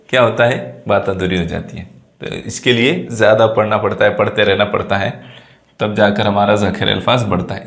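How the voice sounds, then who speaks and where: Man teaching a lesson in an echoey room. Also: fairly bright tone. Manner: explanatory, rises in pitch to stress points. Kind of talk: classroom lesson.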